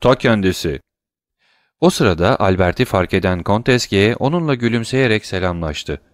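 Male audiobook narrator, low voice, measured literary delivery, dry close read. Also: lively intonation, no echo. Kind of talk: scripted narration.

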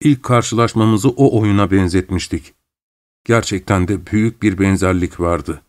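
A man reading an audiobook, voicing a fawning middle-aged widower who speaks in a shrill, affected, theatrical way. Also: unhurried. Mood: hurried. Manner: gushing, theatrical, overly familiar.

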